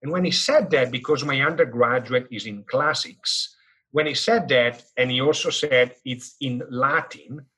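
A man in his fifties with an Italian accent tells his life story as an interview guest. His voice is bright and a little husky. He jokes, wanders and fills gaps with "you know" as he goes. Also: mid-range voice, unhurried, low-quality recording. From northern Italy. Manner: animated, jokey storyteller with frequent fillers. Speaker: guest, business school dean.

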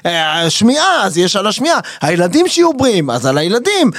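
A middle-aged man, a stand-up comedian, tells stories in a casual interview. His voice sits high and swoops widely as he acts out the people in his anecdotes. The sound is close and dry. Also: no echo. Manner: animated storyteller, jumps into high voices for quoted people. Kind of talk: casual chat, acting out stage anecdotes.

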